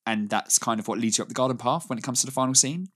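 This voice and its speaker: A man's voice: medium pitch, very fast, fairly bright tone, husky. A British man co-hosting a casual podcast chat, rambling with frequent laughs and restarts. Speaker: podcast co-host.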